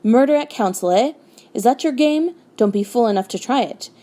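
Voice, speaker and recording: A woman's voice: a little high, expressive, a little fast, warm tone, pitched above the performer's own voice, lightly acted. A woman voicing a bitter, defiant male dwarf for a storybook, cold, sneering and argumentative. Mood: defiant, angry.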